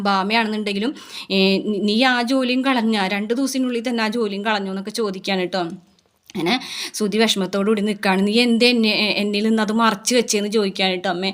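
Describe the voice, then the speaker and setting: A woman briskly recaps a serial episode, speaking quickly and casually. She quotes each character's lines in her own plain voice with little change in tone. Her voice is mid-range and a bit bright.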